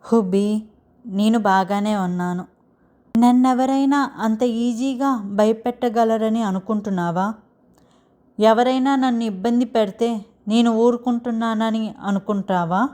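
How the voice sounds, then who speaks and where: A woman reading the lines of a calm, confident young wife in a story, gently reassuring. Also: on the high side, unhurried, close to an everyday voice.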